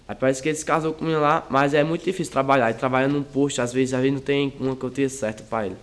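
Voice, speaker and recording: A teenage male high school student, giving rambling, hesitant interview answers. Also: steady tone, rapid-fire. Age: teens.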